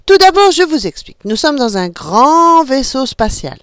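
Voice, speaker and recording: A woman doing a playful, excited young mum. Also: high voice, moderate pace, dry recording, clean studio sound, pitched above the performer's own voice. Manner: bright, excited, sing-song. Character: playful cheerful young mother leading a game. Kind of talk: storybook reading.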